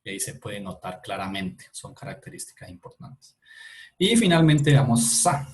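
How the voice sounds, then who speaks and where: A male university lecturer giving an online class, explaining step by step, often checking in with his students and pausing to correct himself. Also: on the low side, sing-song. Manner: halting, with frequent self-corrections and fillers.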